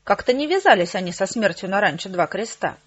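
A woman with a husky voice narrating a first-person audiobook in a dry, wry manner. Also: mid-range voice, lively intonation, fairly quick. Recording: slightly dull lo-fi recording.

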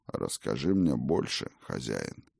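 A man doing a deep rumbling old god-king. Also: very animated, vocal fry, darkish tone, slightly rough, no echo, clean studio sound, exaggerated voice. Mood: imperious. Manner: commanding, slow and rumbling. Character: old male god-king, imperious and hearty. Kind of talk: audiobook character reading.

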